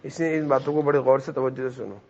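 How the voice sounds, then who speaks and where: A man's voice: medium pitch, fairly even intonation, a little mellow, dull audio. A man teaching a class of children in a madrasa, who repeats his points and keeps quizzing the kids to answer. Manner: repetitive, questions the children and urges them to answer.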